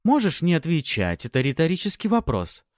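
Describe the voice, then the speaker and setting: A man's voice: on the high side, huge pitch swings, fairly quick, no room sound, voice pushed up. An imperious noblewoman who commands and teases in the same breath, her lifted tone swinging freely up and down, as a male narrator puts her on. She sounds mock-sweet and sure of her power, in a dry, close audiobook recording. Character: haughty noblewoman, imperious and teasing. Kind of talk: audiobook character voice.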